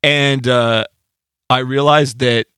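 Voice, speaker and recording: A man's voice: mid-range voice, steady tone, slow pace, sharp tone, smooth, dry recording. Man telling rambling stories, dry sound. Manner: rambling storytelling with profanity and filler. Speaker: podcast co-host; band musician. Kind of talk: casual chat.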